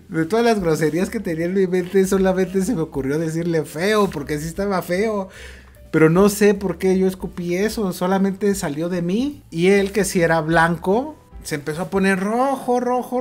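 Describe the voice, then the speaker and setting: A man with a Mexican accent telling a funny personal story for his vlog, animated and laughing often. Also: fairly high pitch. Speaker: vlogger.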